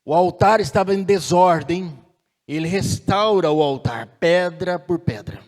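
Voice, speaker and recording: A man preaching a sermon as pastor, measured and deliberate, slowing down and swelling in force on key phrases. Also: high voice, a little mellow, long reverb tail.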